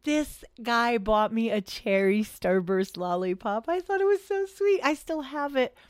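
A woman's voice: fairly high pitch, expressive, unhurried, no room sound, clean studio sound. A young adult woman co-hosting a casual show, telling her rideshare driving stories in a blunt, profane, exasperated way. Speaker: co-host and rideshare driver. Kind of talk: casual storytelling chat.

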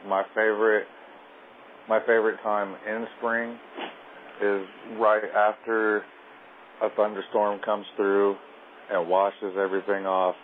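A man leaving a relaxed, rambling voicemail over a landline phone. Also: deep voice. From Southeast Kansas. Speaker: caller. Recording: tinny landline voicemail, faint noise.

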